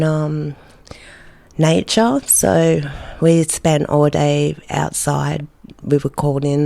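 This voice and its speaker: An Australian woman, a mother of two, answering interview questions in a halting way with many fillers and pauses. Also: sits low, darkish tone. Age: adult, mother of two. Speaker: interview guest. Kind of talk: casual interview.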